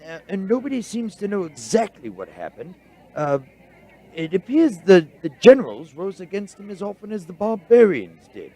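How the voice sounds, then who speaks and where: Playing an eager, studious male scholar for radio drama, the actor uses a husky voice that sits high. He explains things haltingly in a heavily acted, excited performance.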